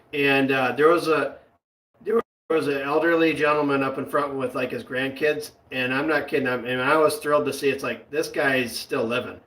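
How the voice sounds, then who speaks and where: A man's voice: medium pitch, pushed and bright, far from the mic, rough recording. A man co-hosting a casual chat, telling rambling, laughing anecdotes. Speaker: co-host.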